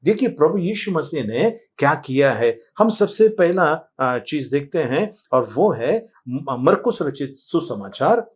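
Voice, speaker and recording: A man's voice: fairly high pitch, very animated, a little slow, hardly any pauses. A man preaching a storytelling sermon as pastor, often calling out to the congregation. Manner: storytelling sermon, repeatedly addressing the congregation as beloved.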